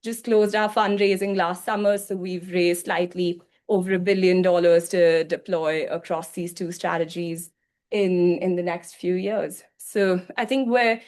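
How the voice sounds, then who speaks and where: Low-pitched woman introducing a session. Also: steady tone, a little slow, a little mellow. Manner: businesslike, with ums and small restarts. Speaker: session co-host. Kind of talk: presentation introduction. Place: meeting room with an audience.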